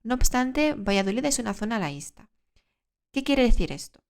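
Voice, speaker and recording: A woman presents a podcast lesson for learners of Spanish. Her voice sits a little high, and she explains things in a clear, measured way, often turning to the listener with a question. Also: sing-song. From Spain. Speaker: Spanish teacher and podcast host.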